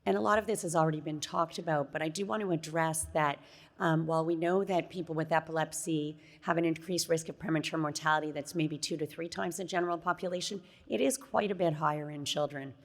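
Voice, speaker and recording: A middle-aged woman speaks at a conference with a very low, gravelly voice that she is losing. She is hoarse but conversational and relaxed, with frequent fillers. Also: fairly quick. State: losing her voice. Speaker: conference speaker, child neurologist. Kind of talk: conference talk.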